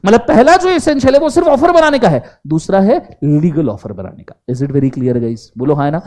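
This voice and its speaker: Guy teaching a law class, pitch jumps all over, mellow dark tone, keeps asking students to answer out loud. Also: normal speed. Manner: animated, quizzes the class in Hindi mixed with English. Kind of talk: classroom lecture.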